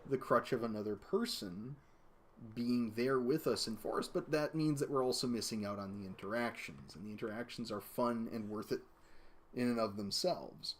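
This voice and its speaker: A man streaming a game from home, chatting casually in a rambling way and reading viewer comments aloud. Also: normal speed. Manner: rambling, reads chat aloud, talks to baby in a high voice. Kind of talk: casual live-stream chat while gaming. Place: home, baby in lap. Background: keyboard clicks and typing.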